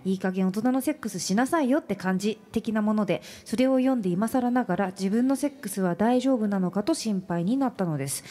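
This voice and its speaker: A woman co-hosting a radio show, reading a listener's letter aloud and reacting with quick laughs. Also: mid-range voice, dark tone. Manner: laughs easily, brief reactions. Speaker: radio co-host. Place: radio studio.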